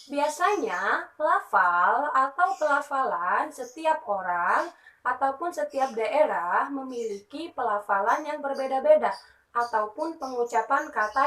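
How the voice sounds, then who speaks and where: A woman's voice: high-pitched, bright, forceful tone, echoey room, far from the mic, rough recording. A young woman teaching a lesson for young children as a primary school teacher, explaining patiently and often checking in with "nah" and "ya".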